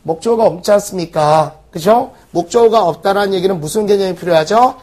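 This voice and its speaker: A man teaching an exam-prep English lesson, firing quick rhetorical questions at the class. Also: high voice, a little mellow. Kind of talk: recorded exam-prep lecture.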